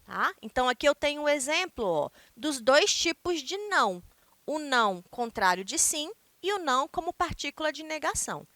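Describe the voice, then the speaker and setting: A Brazilian woman teaching an English grammar lesson, explaining step by step and reading English examples slowly and clearly. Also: high voice, very animated, a bit bright, no echo. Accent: Brazilian Portuguese. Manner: explains step by step, ending points with "tá?".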